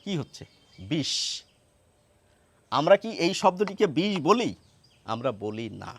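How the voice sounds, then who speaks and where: High, lively male teacher. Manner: explains step by step, asks rhetorical questions; repeats words slowly to show pronunciation. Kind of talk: lesson.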